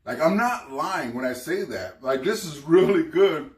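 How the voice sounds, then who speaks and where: A man's voice: a little high, a little slow. Casual man chatting, roomy distant sound. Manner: relaxed, chatty, talks while eating. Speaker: cooking vlogger. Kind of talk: casual vlog chat.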